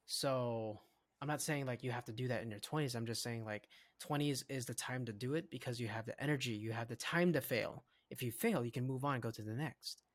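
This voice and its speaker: A young adult man co-hosting a casual podcast, talking in an animated, rambling way with frequent restarts. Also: mid-range voice, fairly quick. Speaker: podcast co-host. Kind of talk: casual chat.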